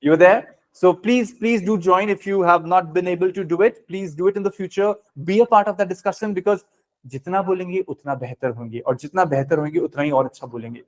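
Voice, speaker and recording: Indian male english teacher, fairly high voice, explains patiently, switches hindi and english. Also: slow. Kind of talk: online spoken English class.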